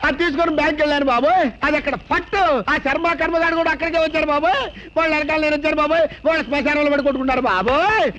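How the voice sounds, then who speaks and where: A man's voice: very high voice, fairly even intonation, rapid-fire, pushed and bright. An actor playing a comic male dupe who whines and wails in melodramatic lament. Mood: wailing. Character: wailing, comic male dupe who has lost his money. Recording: muffled film soundtrack with faint noise.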